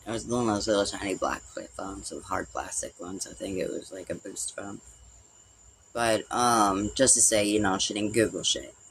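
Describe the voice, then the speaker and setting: A man's voice: lowish voice, moderate pace, a bit bright, a little hiss or hum, poor audio. Rambling, profane man telling a story. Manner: rambling, profane, heavy on "like" and "you know". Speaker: livestream host. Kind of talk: casual personal storytelling.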